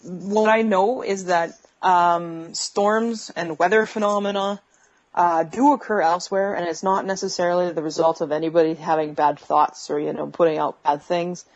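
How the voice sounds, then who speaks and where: With the high frequencies cut off, a woman's lowish, fairly even-toned voice comes through at normal speed on a phone video call. She's answering interview questions from her bedroom, speaking tentatively with many fillers while the connection breaks up.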